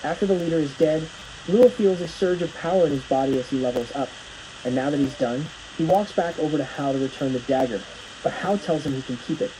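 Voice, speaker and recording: A man's voice: on the high side, brisk, warm tone, slight background noise, low-quality recording. A man narrating a plot recap from a script, telling the story as it unfolds.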